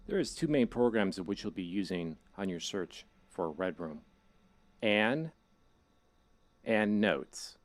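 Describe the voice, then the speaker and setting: A man's voice: lowish voice, lightly acted. A man playing a casual, ominous hacker guide who narrates a horror game tutorial in a wry, instructional way.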